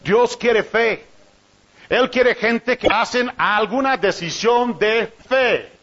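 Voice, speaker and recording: A man with a strikingly high voice preaches an animated sermon, piling up rhetorical questions and chuckling between points. The recording is dull and lo-fi. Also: slow.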